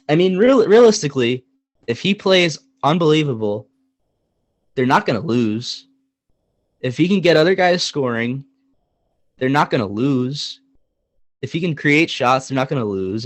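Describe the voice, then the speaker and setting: A young man co-hosting a casual sports podcast, talking in an animated, joking way and hammering points with repetition. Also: mid-range voice, dry recording. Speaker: podcast co-host.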